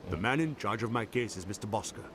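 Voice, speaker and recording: A man's voice: fairly low pitch, lively intonation, quick pace, background noise, natural voice. A man playing a dignified, grieving widower in a video game, speaking politely and formally. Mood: sorrowful.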